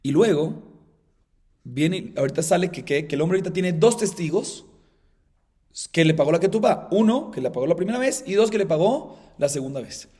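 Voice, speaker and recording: A man's voice: fairly high pitch, animated, fairly quick, mellow, husky. A man, a rabbi, teaching a Talmud class, explaining by acting out both sides of a dispute and answering his own questions. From Colombia. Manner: repetitive, restarts phrases, asks and answers himself.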